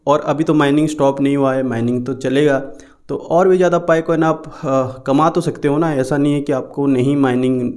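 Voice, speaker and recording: A man's voice: medium pitch, fairly even intonation, moderate pace, a little mellow. Young Indian man vlogging casually. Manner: chatty, repetitive, reassuring, many fillers and restarts. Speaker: YouTube crypto vlogger. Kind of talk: casual Hindi-English vlog talk. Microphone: cheap unreliable microphone.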